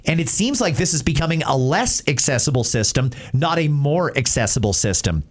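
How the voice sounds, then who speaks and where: This is a talk-radio host, a man with a Canadian accent whose slightly high voice is very animated and fairly quick. He replies to listener messages, offering strong, plain-spoken opinions in a chatty manner.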